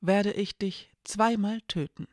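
A narrator voicing an eerie, calm being from a mirror that takes the shape of a thin, pale woman and speaks curtly in an audiobook. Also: medium pitch, takes it slowly, dry recording, clean studio sound, close to an everyday voice. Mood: cool, terse.

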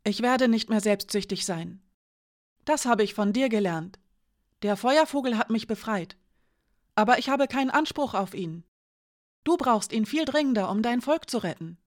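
A woman's voice: fairly high pitch, lively intonation, moderate pace, voice pushed up, lightly acted. A woman voicing a tearful, guilt-ridden young woman. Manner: pleading, emotional.

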